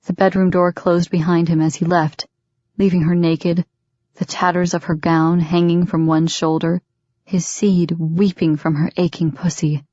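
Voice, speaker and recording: A woman narrates an audiobook in a steady, measured way, her voice sitting low. The sound is dull and lo-fi, close and dry with no room echo. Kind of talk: scripted narration.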